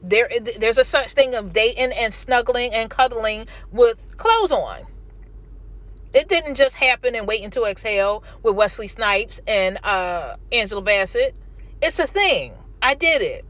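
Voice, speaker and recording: An American woman with a fairly high, animated voice and a fairly bright tone keeps a measured pace. Speaking candidly and casually to her audience, she tells personal anecdotes and hands out emphatic relationship advice in a direct, conversational manner.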